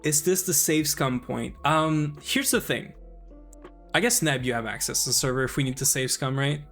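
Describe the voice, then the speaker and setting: A Canadian man talks through his gameplay, planning aloud in a loose, chatty way. His voice has a gravelly edge and sits in a middle pitch. Soft music plays underneath. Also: moderate pace. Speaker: streamer. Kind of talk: casual gaming commentary.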